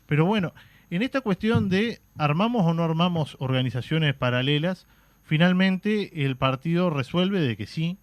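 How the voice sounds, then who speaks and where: A man's voice: a little high, lively intonation, moderate pace, no room sound. A man with a Uruguayan Spanish accent talking on a radio show. He explains things patiently, often stopping with "este" and "eh" before going on. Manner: explanatory, fillers like "este" and "eh", frequent restarts. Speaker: radio guest explaining history. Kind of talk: radio talk show chat. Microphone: studio microphone.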